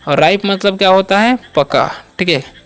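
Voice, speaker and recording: A man's voice: high-pitched, moderate pace, a bit bright, clean tone, soft background music. A man teaching English words step by step, spelling each word out, quizzing listeners and answering himself, with frequent check-ins. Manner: repeats each word, asks and answers his own questions; ends points with a reassuring check-in. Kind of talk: step-by-step classroom-style lesson.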